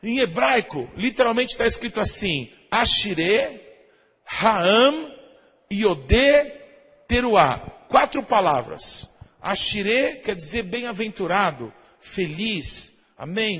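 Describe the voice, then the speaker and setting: Man preaching, brazilian accent, high husky voice, echoing church hall, calls and shouts to the crowd. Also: big pitch swings, takes it slowly. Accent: Brazilian Portuguese. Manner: calls out "amém?" to the congregation, imitates shofar blasts, shouts. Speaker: pastor. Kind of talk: sermon.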